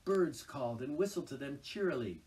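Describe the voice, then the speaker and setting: In a low-quality recording made from a distance, a man reads a classic children's tale with lively, rising-and-falling expression, like a seasoned storyteller. His medium-pitched voice moves briskly and sits a little back from the mic.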